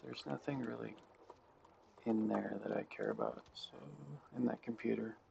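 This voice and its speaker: Gravelly offhand man streaming a game. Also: on the low side, normal speed. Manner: offhand, rambling. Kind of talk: live gameplay commentary. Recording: dull lo-fi mic, steady background noise.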